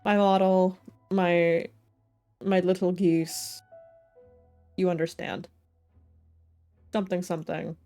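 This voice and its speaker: A woman livestreamer chats casually while gaming, with game music playing behind her. Her voice sits on the low side and is mellow, with a flat, slow delivery and long pauses, as she thinks aloud in a playful, rambling way full of silly slang.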